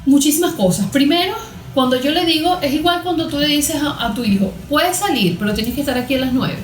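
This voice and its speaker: A therapist from Venezuela answers interview questions about parenting in a conversational way, explaining emphatically and posing rhetorical questions. Her voice sits high and moves fairly quickly. The sound is roomy and echoing, with faint music behind her.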